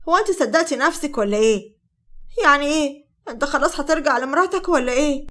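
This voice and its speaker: A woman voices a brash, mocking young woman with an Egyptian accent in a narrated story. She fires off taunts fast and high. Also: a bit bright. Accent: Egyptian Arabic.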